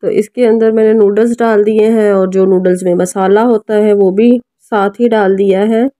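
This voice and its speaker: A woman's voice: mid-range voice, steady tone, moderate pace, dark tone, no room sound. A woman with a Pakistani Urdu accent, a mother narrating a casual cooking and family vlog at home, chatty and often asking viewers for their help. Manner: chatty, keeps addressing viewers with requests. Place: home kitchen and family room.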